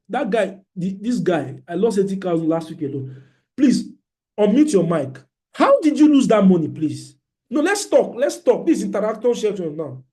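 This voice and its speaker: A man with a Nigerian accent hosting an online trading class, animated, joking and exclamatory, speaking into a computer mic on a video call. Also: high voice. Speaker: trading webinar host.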